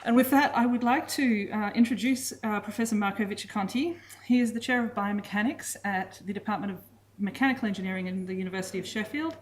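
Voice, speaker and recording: A woman's voice: mid-range voice, poor audio. Woman introducing a guest speaker. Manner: warm, admiring introduction with small fillers. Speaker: event host. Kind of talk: formal introduction.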